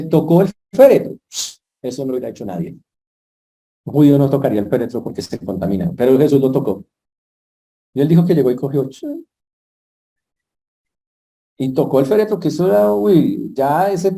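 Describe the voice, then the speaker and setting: Preacher guy telling a bible story, goes loud then soft, super dark warm voice. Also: a little high, moderate pace, creaky, pauses often. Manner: animated storytelling, sudden loud peaks and soft asides. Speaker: pastor. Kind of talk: sermon.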